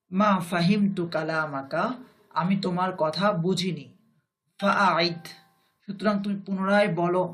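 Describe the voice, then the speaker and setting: Male teacher with a Bangladeshi Bengali accent, high voice, slow and deliberate, repeats phrases and then translates them. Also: a bit bright. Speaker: Arabic grammar teacher. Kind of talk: recorded grammar lesson.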